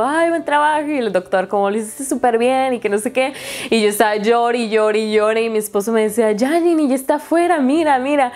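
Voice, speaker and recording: A young woman talking straight to her camera at a middle pitch. Her delivery is chatty and candid, filled with casual fillers and frequent laughter. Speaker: vlogger.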